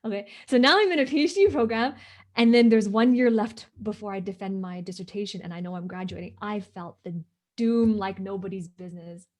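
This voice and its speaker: Her voice sits in the mid-range, a touch mellow and a little quick. She's a non-native English speaker from Hong Kong recounting her story as an interview guest, stressing her points and repeatedly asking "right?" for agreement.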